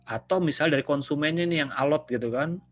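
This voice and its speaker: A man with a slightly husky voice speaks to his students over a video call. He keeps the lecture loose and chatty and jokes with them as he explains. The sound comes through a plain computer microphone. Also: a little high, quick pace. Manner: relaxed, joking, chatty with students. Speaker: university lecturer. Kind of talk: casual online lecture. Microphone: video call computer mic.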